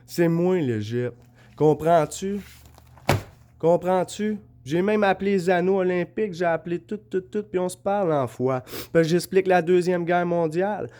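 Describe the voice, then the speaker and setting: A vlogger with a Québécois French accent rambles through a casual monologue to camera, showing his notes and drawings and insistently asking whether he's understood. His voice is high and dark-toned, at a normal speed.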